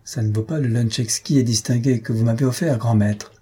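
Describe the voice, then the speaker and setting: A man voicing a smooth-talking, flattering young suitor in an audiobook, with a husky voice. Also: mid-range voice, brisk. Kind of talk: audiobook character reading.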